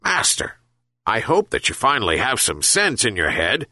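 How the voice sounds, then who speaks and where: A man voicing a loyal, grumpy, ever-hungry dog that yelps excitably. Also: lowish voice, moderate pace, no room sound, studio quality, heavily acted. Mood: reproachful. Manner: yelping, excitable.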